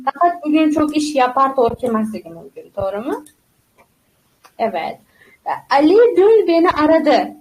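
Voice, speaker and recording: A woman's voice: sits high, sing-song, normal speed, low-quality recording. A woman with an Uzbek accent, a language teacher running an interactive online quiz, reading out questions and confirming answers in an instructive way. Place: online group call. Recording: clear background noise and clicks.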